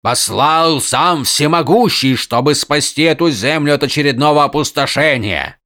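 A man's voice: fairly high pitch, animated, very slow, pushed and bright, clear, resonant tone, no room sound, clean studio sound, exaggerated voice. A man voicing a stern aging warlord who addresses his troops in a commanding, declamatory way. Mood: rousing.

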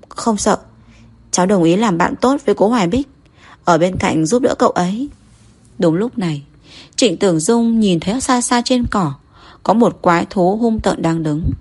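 Low-voiced woman narrating a novel. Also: a little mellow. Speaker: audiobook narrator.

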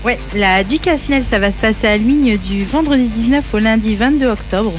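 A woman's voice: fairly high pitch, normal speed. A woman with a slightly worn-out, partly lost voice after a big weekend, chatting casually and a little hesitantly as a radio co-host. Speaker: radio co-host presenting local events. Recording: faint music bed behind studio talk.

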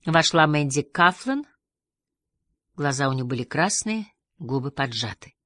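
A woman narrating an audiobook in an even, measured reading style. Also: sits low, dry recording.

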